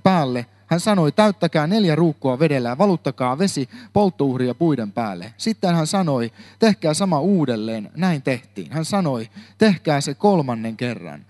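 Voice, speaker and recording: A man's voice: fairly high pitch, sing-song, hardly any pauses, darkish tone. A man giving a Bible talk, reading a long scripture passage aloud with occasional slips and self-corrections. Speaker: preacher.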